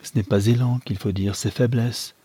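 Man voicing young male lover, ardent, reproachful, impassioned, husky tone. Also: medium pitch, fairly even intonation, normal speed, mellow, dry recording, lightly acted.

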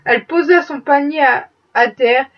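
A woman narrating a classic novel in a steady, measured reading. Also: high-pitched. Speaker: audiobook narrator. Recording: dull, distant-sounding audiobook recording.

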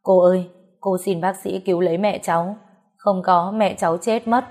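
A woman's voice: fairly low pitch, fairly even intonation, moderate pace, a little mellow. A young woman sobs and begs for her mother's life, voiced by a woman narrator. Her pleading is tearful and raised in a spoken story. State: crying.

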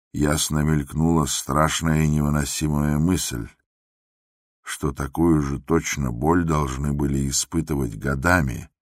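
A male narrator reads a literary drama in a measured, grave way. His voice is extremely deep, and the recording is dry and close. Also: no echo.

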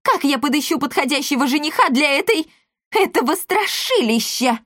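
A woman voicing a scornful matchmaker who mocks the bride's family and hurries off, in a high drawn-out voice. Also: animated, fairly bright tone, no echo, clean studio sound. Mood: mocking. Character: shrill matchmaker woman, mocking and quick to flee.

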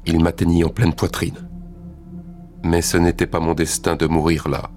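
An actor playing a Greek warrior who recounts his fight in a measured, grave way. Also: low voice, level tone, a little mellow, soft background music, natural voice. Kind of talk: scripted literary narration.

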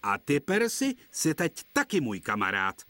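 A kindly old countrywoman, voiced by a man, in a children's cartoon. Her speech is warm and grateful and rises gently in pitch. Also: huge pitch swings, exaggerated voice.

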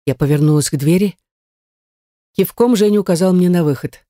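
A woman's voice: on the low side, fairly quick, warm tone, no room sound. Brief: woman, first-person audiobook narrator, emotional and intense, dry studio sound.

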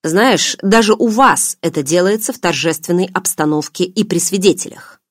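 Self-assured playful male alien, read by a woman narrator, teasing and low-pitched, close and dry. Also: normal speed, no echo, natural voice. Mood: teasing calm.

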